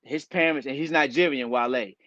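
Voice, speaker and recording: A man from Liberia talks easily as a guest on an interview, leaning on "you know what I mean" as he goes. The sound is dry with no room around it and a little muffled in the top end. His pitch sits in an ordinary middle range. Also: fairly quick, fairly bright tone, dry recording. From Liberia, West Africa. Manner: laid-back, conversational, says "you know what I mean" a lot. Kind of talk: casual interview talk.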